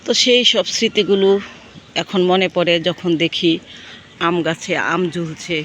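A hoarse woman with a cold, hosting a gardening vlog and gently telling nostalgic childhood stories from her rooftop garden outdoors. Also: fairly low pitch, moderate pace, a little hiss or hum. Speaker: gardening channel host. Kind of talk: casual reminiscing vlog.

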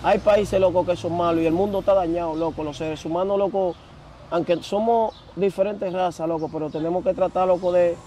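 A young man, telling his story as an interview guest in slangy, animated casual talk. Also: high-pitched, brisk, a little hiss or hum. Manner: animated, slangy, repeats filler words.

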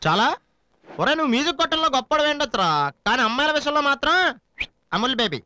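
A man's voice: extremely high pitch, very animated, very noisy. An actor playing a chatty young male sidekick who rattles off comic advice to his friend. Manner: rapid, rambling advice-giving. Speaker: film actor. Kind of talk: comic film dialogue.

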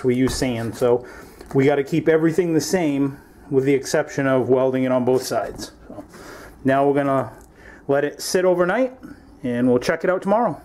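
A man's voice: fairly high pitch, darkish tone. A man hosting a welding show, talking casually in his workshop in a folksy, rambling way. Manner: folksy, rambling, self-joking. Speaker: welding channel host. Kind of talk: casual workshop demo talk. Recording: noisy shop background.

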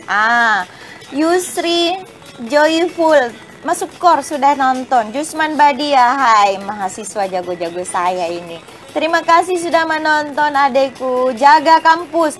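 Livestream host, woman, higher voice, chatty and halting, faint music under. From Bajau community of Indonesia. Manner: chatty, greets viewers by name, many hesitant fillers. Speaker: live-stream host. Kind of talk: casual live-stream chat.

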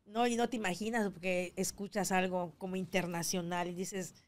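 A middle-aged woman, a guest's mother, giving soft, earnest replies in a casual chat. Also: fairly low pitch, flat delivery, normal speed.

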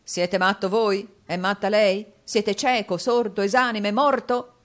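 A woman reading an audiobook, voicing an agitated, cryptic middle-aged male clerk in a loud, urgent way. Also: on the low side, normal speed, close to an everyday voice. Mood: outraged.

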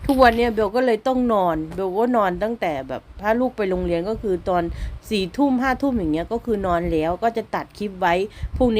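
A woman with an Isan Thai accent, a stay-at-home mother narrating her vlog as a casual voice-over, chatty and quick to laugh, often speaking straight to the viewers. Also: mid-range voice, a little mellow, a little hiss or hum. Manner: chatty, keeps addressing viewers directly; laughs easily between remarks.

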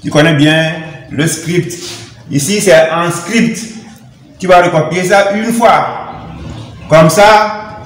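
A man's voice: a little high, takes it slowly, pauses often. A male teacher with a Togolese French accent giving a reading lesson to young children, patiently spelling out letters and syllables one by one. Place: classroom. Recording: echoey room, voice away from the mic.

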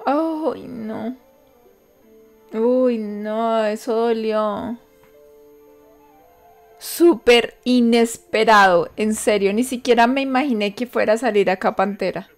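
A woman's voice: on the high side, steady tone, slow, faint music behind. A woman hosting a reaction video, gasping and exclaiming as she watches an episode.

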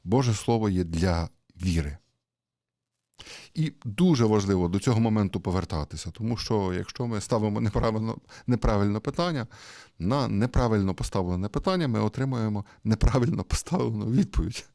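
A man giving a conversational sermon, asking rhetorical questions and pausing with hesitations. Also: on the low side, animated, dark tone, no echo, studio quality. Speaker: priest.

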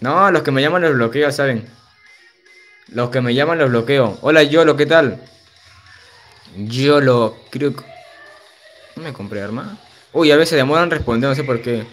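Faint music runs behind a young man casually chatting with viewers as he streams a game. His voice is medium-pitched and fairly bright, and he's loose and slangy, reading chat out loud and laughing often.

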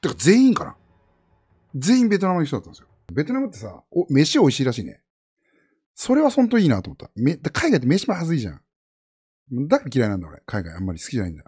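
He's a streamer from Japan having a casual chat, talking quickly in a slightly husky voice. His pitch swings hugely as he rambles along in an animated way, jumping between highs and lows.

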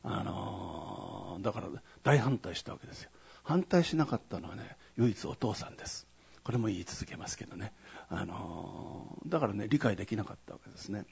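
A male pastor preaches in a church, chatting through his sermon with frequent asides and then pressing points home loudly. His voice is husky and gravelly, with a creaky edge. The recording is dull and lo-fi. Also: fairly low pitch, lively intonation, moderate pace. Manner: conversational preaching, frequent 'ne' tags, rising to loud emphasis.

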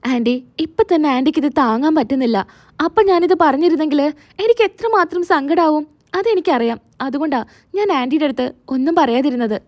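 A woman's voice: high voice, fairly quick, darkish tone, no room sound, close to an everyday voice. A woman voicing a young wife who pleads earnestly as she explains herself. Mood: pleading. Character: young wife defending her secret pregnancy.

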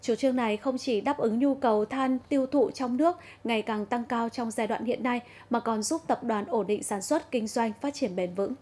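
A woman reading a scripted news voice-over in a clear, formal manner. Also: on the high side, moderate pace, hardly any pauses, a little mellow, slight background noise. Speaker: news narrator.

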